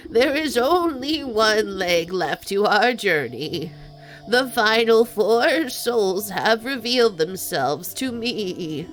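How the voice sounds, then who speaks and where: A woman putting on a goat voice for a grand, sly spirit companion, reading game dialogue in a drawn-out theatrical way. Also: mid-range voice, expressive, soft background music, rough recording. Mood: grandly amused. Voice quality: put-on goat voice. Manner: slow, drawn-out, theatrical delivery. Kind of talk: video game dialogue read aloud.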